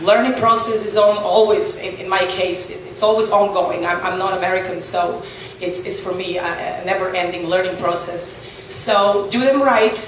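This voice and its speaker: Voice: mid-range voice, fairly even intonation, normal speed. A blues guitarist from Serbia with a Serbian accent, speaking English as a second language, answering interview questions on a boat in a thoughtful way, with many fillers and restarts. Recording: echoey, far from the mic, faint noise.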